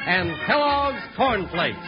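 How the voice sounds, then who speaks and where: An American man announces in old radio style, polished and emphatic. His high voice swings widely over a dull vintage recording. It is a scripted, showmanlike read. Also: very animated, slow pace, over music.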